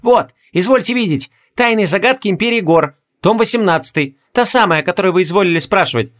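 Squeaky little professor, read by a man, timid, high. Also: animated, fast talker, a bit bright. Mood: eager. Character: timid squeaky male professor with old books.

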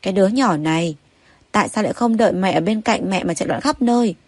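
A woman's voice: mid-range voice, fast talker, darkish tone, dry recording, close to an everyday voice. A woman voicing an anxious, loving mother in an audiobook story, scolding and soothing her small daughter. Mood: worried.

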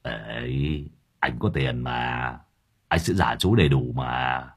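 A man voicing a scruffy, broke middle-aged male vagrant who stammers and pleads in a hushed tone. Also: a bass voice, slow, creaky, voice pushed down, full character voice. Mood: sheepish pleading.

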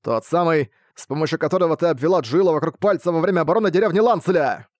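A man's voice: a little high, quick pace, no echo, voice pushed up, natural voice. A man voicing a bold, cheerful young male commander who calls out orders and teases, in a dry recording. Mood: confident. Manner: commanding, teasing shouts.

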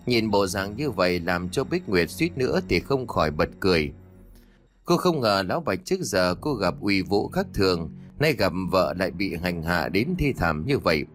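A man narrating a ghost story with expressive storytelling. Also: low voice, moderate pace. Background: faint music.

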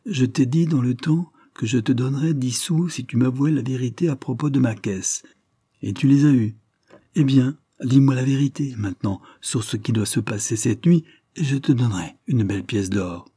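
A man reading a stern gentleman in an audiobook, pressing and threatening a boy for answers. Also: medium pitch, moderate pace, breathy edge, no room sound, studio quality, pitched above the performer's own voice, lightly acted. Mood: coaxing. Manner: pressing, threatening then coaxing.

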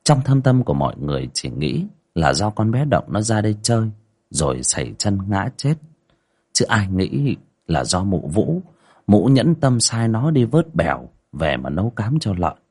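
A man's voice: fairly low pitch, normal speed, breathy edge. A man hosting a livestream, reading a village ghost story aloud with dramatic storytelling. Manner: dramatic storytelling with lively rises and falls.

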